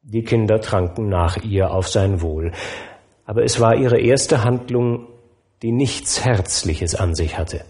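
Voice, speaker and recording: A man narrating a classic story aloud, expressive and measured. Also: fairly low pitch. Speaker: audiobook narrator.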